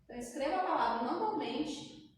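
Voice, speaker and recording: Recorded in a very echoey, reverberant room, a Brazilian woman teaches English to sixth graders with a Brazilian Portuguese accent. Her voice is high, animated, and a little fast, with slight hiss or hum, as she explains the lesson step by step and answers her own questions.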